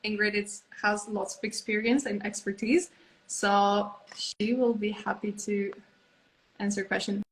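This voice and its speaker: A woman's voice: mid-range voice, steady tone, unhurried, reverberant, poor audio. Chatty woman hosting a live stream. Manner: chatty, many fillers. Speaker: host. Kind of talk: casual live-stream chat. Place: indoors, phone live stream.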